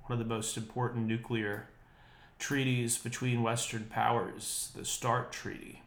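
A podcast host talks alone through the news, wry and opinionated, rambling as he goes. His medium-pitched voice is a bit bright and a little nasal and congested, with flat delivery at a slightly slow pace. The sound is roomy, recorded on an unprocessed podcast mic.

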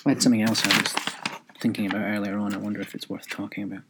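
A man's voice: fairly low pitch, little pitch movement, rapid-fire, heavy background noise. A man hosting his own podcast, thinking aloud in a rambling way with restarts. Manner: reads aloud from his own written review. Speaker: podcast host. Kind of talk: solo podcast monologue.

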